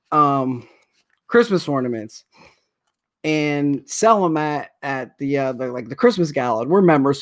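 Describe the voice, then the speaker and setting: A man in his thirties hosting a sports card livestream, rambling and emotional in casual chat. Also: fairly high pitch. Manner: rambling, emotional, repeats himself. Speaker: sports card breaker host.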